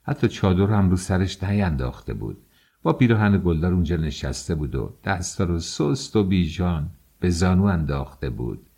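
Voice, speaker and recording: A man narrating a novel in a measured, steady storytelling voice. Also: deep voice, breathy edge. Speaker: audiobook narrator. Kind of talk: scripted audiobook narration.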